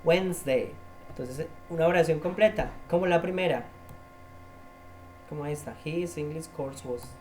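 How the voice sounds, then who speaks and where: Man, patient tutorial teacher, slow and deliberate, drills words by repeating them. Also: fairly high pitch, darkish tone, a little hiss or hum. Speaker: English teacher. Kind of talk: recorded tutorial lesson.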